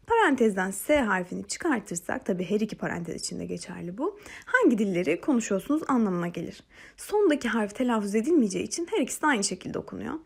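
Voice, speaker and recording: Gravelly, breathy woman teaching French. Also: medium pitch, a little mellow. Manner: patient, repeats phrases slowly for learners. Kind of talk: language lesson narration.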